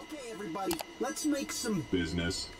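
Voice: medium pitch, wildly swooping pitch, brisk, heavy background noise. An actor voicing an upbeat, bossy robot office supervisor in a video game, with a robotic voice filter. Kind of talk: game character dialogue. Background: loud game music.

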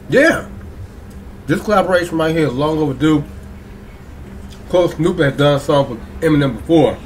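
A young man hosting his reaction channel in an excitable, slangy way, stretching out hype words and throwing in singsong ad-libs. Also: on the high side, a little hiss or hum. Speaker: YouTube reaction channel host. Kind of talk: hyped casual vlog intro.

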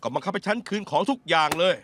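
Brief: actor as a huffy, scornful lawyer in a Thai drama dub, high-pitched, over faint noise. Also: male voice, very fast, natural voice. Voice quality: complaining, scornful. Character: indignant male lawyer, bossy, resentful.

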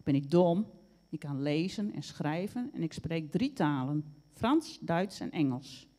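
An unflappable storybook rat who has seen the world and answers insults with dry calm, voiced by a woman. The voice stays low-key and mellow, warm rather than bright. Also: measured pace. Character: calm, well-traveled, unflappable male rat.

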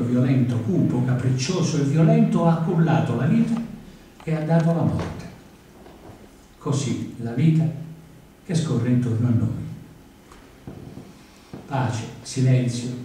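An older man reading his poetry and chatting between poems at a panel table in a large lecture hall, with emphatic pauses and hesitant asides, recorded by a distant camera. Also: medium pitch, mellow. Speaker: poet reading at a book event. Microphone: far camera. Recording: very echoey hall from far off, faint noise.

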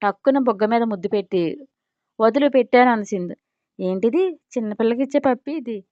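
A woman's voice: medium pitch, no room sound, dull audio. A woman reading a scripted audio story aloud and voicing every character herself. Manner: reads all characters in a mostly even voice.

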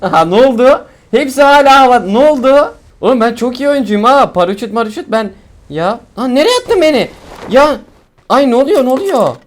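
Excitable young man, lively pitch. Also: brisk. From Turkey. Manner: excitable, joking, complains loudly, then mutters low. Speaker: gaming streamer. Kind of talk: casual gameplay commentary. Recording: faint game noise and gunfire behind.

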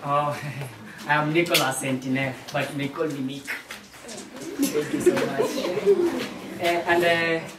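Man playing a high-voiced chatty surveillance expert. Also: expressive, takes it slowly, pauses often. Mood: explaining. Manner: hesitant, tags sentences with "eh?". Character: male American wireless-surveillance expert, chatty. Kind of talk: amateur stage play acting. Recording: roomy, distant mic with faint noise.

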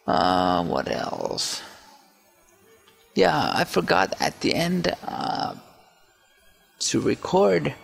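A man with a mid-range, creaky, husky voice casually narrates his own digital painting over faint music. He's relaxed and hesitant, with lots of fillers and restarts.

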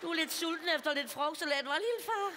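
A woman's voice: very high voice, a crowd in the background, noisy background. A woman playing a bawdy, gossipy old lady of about seventy, confiding to a live audience and chuckling at her own jokes. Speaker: comedian. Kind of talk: stand-up character monologue. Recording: stage mic in a hall with audience.

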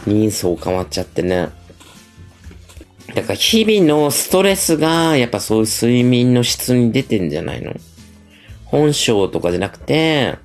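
A middle-aged man livestreams a casual chat, telling stories in a chatty, gossipy way with a feminine speech style. His voice is on the low side, a little mellow, with vocal fry.

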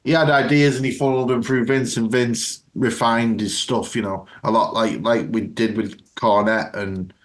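A man's voice: medium pitch, steady tone, moderate pace, few pauses. A man co-hosting a casual podcast chat, rambling loosely and slipping into jokey impressions. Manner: chatty, rambling, breaks into mocking impressions. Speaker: podcast co-host.

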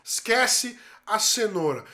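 A man as a comedy talk show guest, exasperated and often shouting, repeating himself in improvised banter. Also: sits high, sing-song, slow pace, slight background noise.

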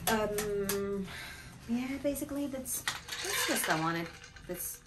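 A woman vlogger telling a casual story in a chatty, giggly, animated way. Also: mid-range voice, slow, very noisy.

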